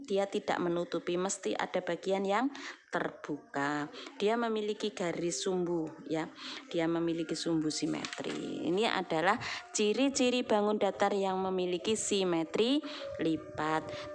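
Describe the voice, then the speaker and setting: A woman's voice: medium pitch, slight background noise. Patient woman teacher explaining a lesson. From Indonesia. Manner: explains slowly, repeats with "ya" and "nah". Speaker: primary school teacher. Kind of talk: recorded remote lesson.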